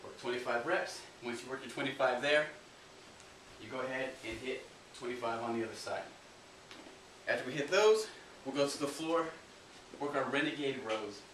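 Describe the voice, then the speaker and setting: A man's voice: mid-range voice, moderate pace, fairly bright tone, recorded from a distance. A man working as a fitness trainer, talking through a home workout with coaching cues. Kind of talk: workout instruction. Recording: roomy echo, off-mic, faint hiss.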